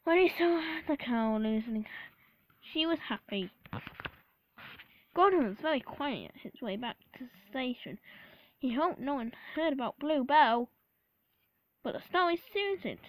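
A woman reading a children's storybook aloud, halting with fillers and slips. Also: high voice, animated, poor audio. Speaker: storybook reader. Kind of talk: reading a picture book aloud.

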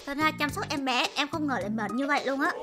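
A young woman doing playful, excitable game commentary as a gaming YouTuber, with squealing exclamations. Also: sits high, fast talker. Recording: music playing under the voice.

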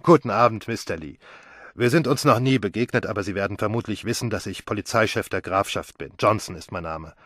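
A man voicing a brisk middle-aged male police chief who speaks loudly and officially. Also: on the low side, no echo, clean studio sound. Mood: formal. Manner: loud, firm, official.

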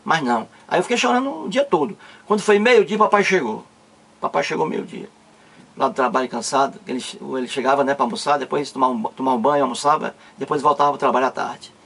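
A man with a Cearense accent telling a long comic story from his childhood, drawing it out and rising to a tearful high pitch at the punchline. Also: fast, vocal fry, a bit bright. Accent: Cearense Portuguese. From Ceará, Brazil. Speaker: comedian. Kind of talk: storytelling stand-up joke.

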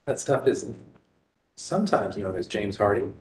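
A man's voice: fairly low pitch, big pitch swings, normal speed. A man on city staff explaining material details in a meeting discussion. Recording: echoey room with faint noise.

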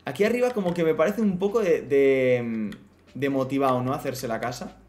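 During a casual live session of a block-building game, a man with a mid-range, slightly mellow voice talks at a normal speed. He's chatty and playful, addressing both his viewers and his in-game pets, especially his horse.

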